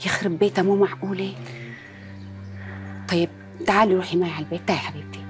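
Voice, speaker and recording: A woman voices a gentle, motherly Damascene widow who coaxes in a fast, slightly high voice. Faint music sits under this audio drama. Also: fairly even intonation, natural voice. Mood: kind. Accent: Damascene Arabic. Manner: gentle, coaxing. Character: kind widowed older lady, motherly.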